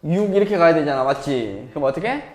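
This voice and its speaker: Male math teacher, live class, bright lively delivery, roomy echo. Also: fairly high pitch, fast talker. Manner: lively, constantly checking with students. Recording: echoey classroom.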